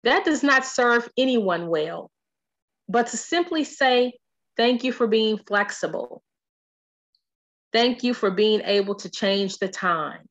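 A woman hosting a podcast in casual conversation, animated and playful. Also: medium pitch, highs cut off. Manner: animated, playful, quotes friends in lively voices. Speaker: podcast host.

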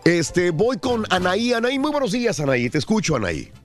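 A man from Mexico hosting a casual radio call-in show, animated and chatty, quick to agree with callers. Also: sits high, soft background music.

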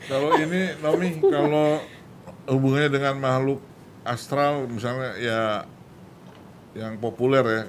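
A woman with a very deep voice hosts a casual podcast chat. She asks curious, short questions, with a faint rumble underneath. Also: steady tone, a little slow, long pauses. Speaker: host.

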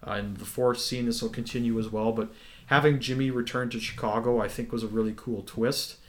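A man talks through a TV episode on a podcast in an easygoing, chatty way. He fills his sentences with ums and explains the details at length. His voice sits at an ordinary middle pitch. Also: steady tone, brisk. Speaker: podcast co-host. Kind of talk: casual recap discussion.

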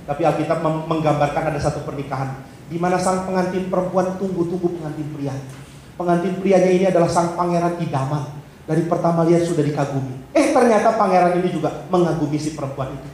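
A man's voice: a little high, fast, a little mellow. A male pastor preaching a humorous sermon, acting out small dialogues in changed voices. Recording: very echoey hall, faint background hiss.

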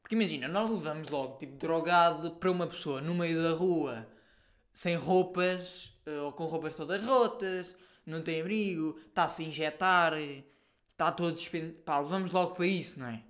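A young man with a European Portuguese accent, hosting a casual solo podcast and telling stories in an animated, slangy way full of fillers and the odd swear word. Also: on the high side, normal speed. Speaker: podcast host.

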